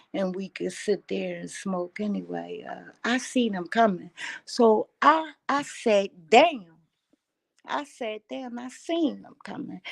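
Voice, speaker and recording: Slow, gravelly woman telling a story. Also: medium pitch. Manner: rambling, with frequent restarts and acted-out quotes. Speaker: vlogger. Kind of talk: casual storytelling to camera.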